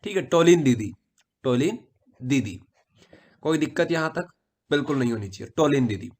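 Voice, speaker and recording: A man's voice: a little high, animated, normal speed, darkish tone. A man from Madhya Pradesh teaching chemistry in a casual exam-prep lesson, repeating key points and asking and answering his own questions. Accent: Hindi-speaking Madhya Pradesh.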